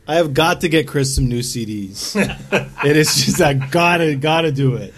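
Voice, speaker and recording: A man's voice: on the high side, moderate pace. A man co-hosting a casual podcast, wry and teasing. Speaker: podcast co-host. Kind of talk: casual chat.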